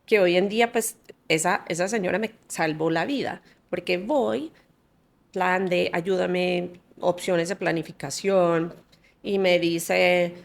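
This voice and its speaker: Speaking slowly in a gravelly, fairly low voice, a native English-speaking woman from the United States in her forties shares her story as a podcast guest. The storytelling is candid and animated, with frequent laughter and restarted phrases.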